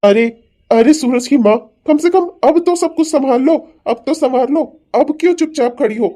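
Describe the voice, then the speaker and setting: A woman's voice: a little high, normal speed, mellow, natural voice. A woman voicing a stern elderly father-in-law who scolds and lectures his family in a cartoon family drama. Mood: scolding. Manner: scolding, preachy.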